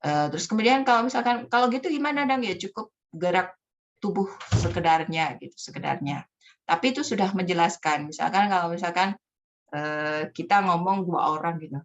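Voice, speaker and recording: A woman running a storytelling workshop in a fairly low voice, animated and expressive. She often shifts into playful character voices as she teaches. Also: moderate pace, highs cut off. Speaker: storytelling trainer.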